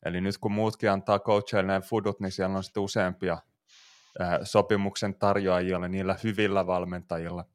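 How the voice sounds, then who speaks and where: A man's voice: sits low, little pitch movement. A man co-hosting a casual sports podcast, joking and chatty. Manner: joking, laughs often. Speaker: podcast co-host.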